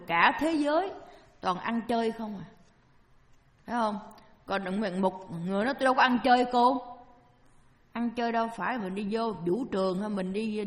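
A woman with a fairly high, fairly bright voice gives a Buddhist dharma talk, asking her listeners questions and answering them herself with homely everyday examples. The recording has long hall reverb.

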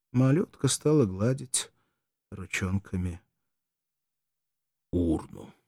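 Male audiobook narrator, low voice, slow solemn reading, dry close sound. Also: a little mellow, breathy edge, no echo. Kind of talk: scripted narration.

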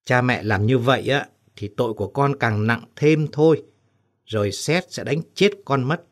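A man's voice: mid-range voice, normal speed, lightly acted. A man voicing the sorrowful ghost of a young son in an audio story, speaking sadly. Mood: pained. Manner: sad, mournful.

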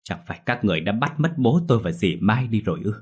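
Man voicing an anxious middle-aged uncle, quick, low, husky. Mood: distraught. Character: worried middle-aged uncle, distraught head of family.

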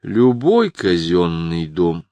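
A man's voice: low-pitched, big pitch swings, slow pace, dark tone, dry recording, exaggerated voice. A man voicing a moody middle-aged woman fortune teller who gives clipped, ominous card readings.

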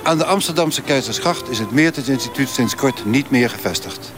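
A man, a radio reporter, narrating in a calm, measured way. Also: mid-range voice, over music. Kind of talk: scripted narration and on-location interviewing.

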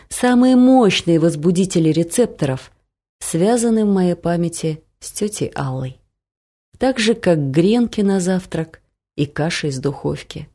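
Woman audiobook narrator, low and mellow, expressive first-person reading.

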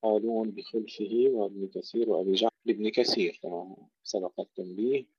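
Male Quran recitation teacher: slow chanted verses, careful word drills, dull dry recording. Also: lowish voice, husky, dry recording. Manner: recites verses slowly, then explains pronunciation rules; repeats words to contrast right and wrong pronunciation. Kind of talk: tajweed lesson with recitation.

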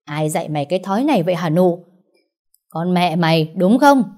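A woman voicing a domineering old grandmother who shouts and scolds with scorn. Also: lowish voice, racing, lightly acted. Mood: furious.

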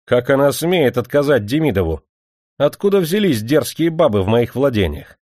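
A man's voice: mid-range voice, big pitch swings, moderate pace, darkish tone, no room sound, clean studio sound, pitched above the performer's own voice. A man voicing an impatient, lovesick young landowner who keeps exclaiming. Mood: excited. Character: boisterous young male landowner, lovesick and spoiled. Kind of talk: audiobook character voice.

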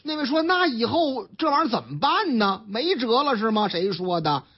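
A man with a strong Beijing accent tells the day's news like a street storyteller, slipping into the voices of the people in each tale. His pitch leaps up and down, and his voice has a husky edge. The broadcast sounds dull and lo-fi. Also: moderate pace. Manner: lively, acts out the characters in the stories, colloquial. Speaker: radio commentator.

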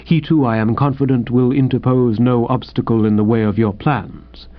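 A man voicing an unflappable, formal valet who speaks smoothly and deferentially. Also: mid-range voice, steady tone, normal speed, no room sound, lightly acted. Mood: composed. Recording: dull, dry studio recording.

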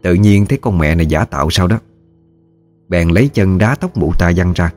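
A man narrating a ghost story in a steady, measured way. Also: low voice, soft background music.

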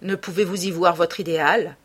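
A woman's voice: lowish voice, steady tone, normal speed, breathy edge. A woman reading an audiobook voices a bitter, brooding young man who speaks in a subdued way.

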